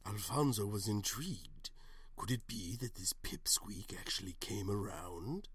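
A man narrating a scripted comedic story in a deadpan, often hushed way, close to the mic. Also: on the low side, a little slow, slightly rough, no room sound.

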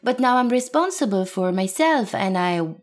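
Her voice sits on the high side, animated and at a moderate pace, as this Lebanese actress in her thirties speaks as an interview guest. She is earnest and emphatic in her reflective talk, with occasional laughter.

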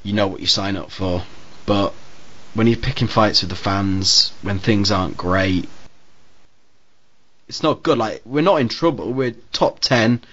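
A man hosts a casual podcast, talking through his views in a loose, opinionated way. His voice sits on the low side. The recording is dull and lo-fi. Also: measured pace, fairly bright tone. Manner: chatty, opinionated, laughs easily. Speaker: podcast host. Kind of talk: casual chat.

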